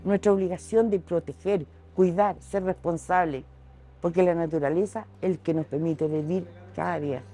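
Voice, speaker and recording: Earnest woman with a mellow voice. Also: on the low side, steady tone, brisk. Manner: earnest, emphatic. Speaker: seaweed cooperative leader. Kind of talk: documentary interview.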